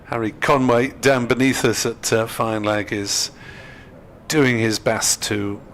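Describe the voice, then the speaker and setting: A man giving live cricket commentary in a measured, hesitant, dryly humorous manner. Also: mid-range voice, steady tone, a bit bright, a little hiss or hum.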